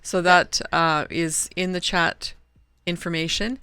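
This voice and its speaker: A woman hosting a live writers' stream, talking in a soft, halting way with many restarts. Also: on the low side, fairly even intonation, clean tone, dry recording. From Canada. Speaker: host of a writers' open mic stream. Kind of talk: casual chat wrapping up a live stream.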